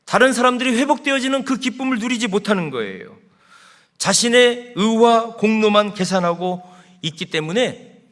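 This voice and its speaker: A man's voice: very high-pitched, fairly bright tone. A male pastor preaching a sermon, telling a story with rising and falling emphasis. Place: church sanctuary.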